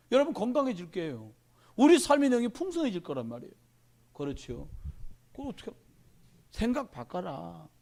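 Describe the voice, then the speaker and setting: Male pastor, middle-aged, high and very animated delivery, sermon in church. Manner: animated preaching, addresses congregation directly.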